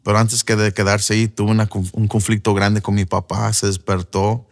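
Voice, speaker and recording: A man's voice: fairly low pitch, little pitch movement, normal speed. A man giving an earnest personal testimony as a preacher, slipping in English fillers. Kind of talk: emotional first-person testimony.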